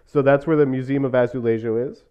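A man's voice: medium pitch, fairly even intonation, fast talker, clean tone. A male podcast host with a mid-range voice talks casually with his guest. He tells stories in a loose, chatty way and leans on fillers. The recording sounds slightly dull. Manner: chatty storytelling with frequent "like" fillers. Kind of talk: casual conversational interview. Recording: slightly muffled podcast audio.

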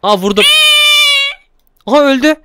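A young man hosting Minecraft gameplay commentary, excitable and exclaiming often as he talks to viewers. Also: very high voice, moderate pace, very noisy. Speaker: gaming YouTuber host.

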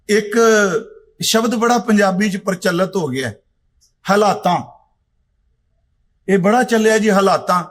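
A middle-aged man gives a Sikh scripture discourse in a fairly high voice. He draws out quoted verses slowly, almost chanting them. Then he explains them in plain everyday speech. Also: a bit bright. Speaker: Sikh preacher giving katha.

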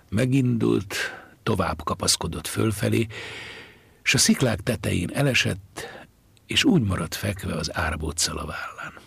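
A man reads a novel aloud in a slow, hushed, half-whispered way. His voice is very deep and thick with gravel and breath. He sits close to the microphone in a dead, dry space. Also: no room sound. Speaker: audiobook narrator. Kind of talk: literary audiobook narration.

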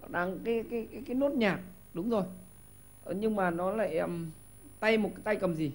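A man hosting a TV quiz show in a studio, giving lively hints and often stumbling over repeated words. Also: high voice, fairly quick. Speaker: game show host.

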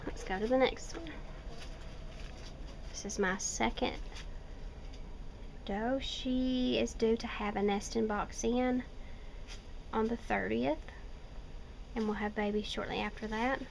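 A woman walks around her small wooded farm outdoors, pausing at the rabbit hutches, chatting and rambling with many fillers and restarts as she films herself off camera on a handheld camera mic. Her voice is a little high, fairly even and creaky, slow and frequently paused. The recording is rough, with faint outdoor noise.

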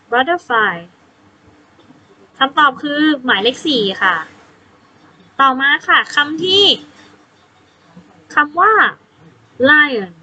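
A woman teacher with a Thai accent, patiently leading a children's English lesson and spelling words out sound by sound with gentle prompting questions. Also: sits high, rough recording. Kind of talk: slow, patient classroom instruction.

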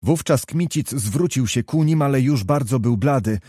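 Mellow-voiced male audiobook narrator. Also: medium pitch, lively intonation, normal speed, no echo, studio quality. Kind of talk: scripted narration of a classic novel.

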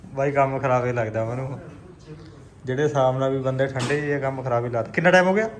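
A man's voice: mid-range voice, quick pace. A man with a Punjabi accent chatting casually and bantering with friends as he films a vlog. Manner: informal, bantering. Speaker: vlog host. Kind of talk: casual chat with friends while filming.

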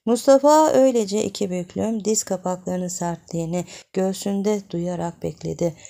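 A woman narrating a literary audiobook in a measured, expressive storytelling manner. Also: medium pitch, gravelly.

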